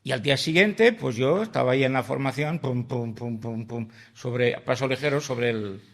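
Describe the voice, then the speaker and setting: Gravelly older man telling war stories. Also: medium pitch, moderate pace, fairly bright tone. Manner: vivid anecdotal storyteller, acts out dialogue, swears casually. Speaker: guest. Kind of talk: storytelling in a podcast interview.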